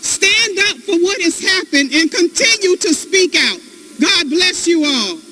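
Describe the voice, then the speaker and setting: Slow, very high, bright rally speaker. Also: lively intonation. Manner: emphatic, exhorting with repeated phrases. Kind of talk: rally speech. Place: outdoor rally. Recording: outdoor rally sound with background noise.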